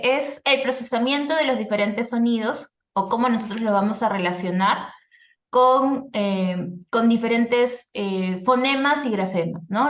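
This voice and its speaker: Woman lecturing over an echoey call. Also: a little high. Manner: explanatory, frequent "¿no?" and "eh" fillers. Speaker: teacher and speech therapist. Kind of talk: live online workshop lecture. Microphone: video call. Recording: echoey lo-fi video call audio.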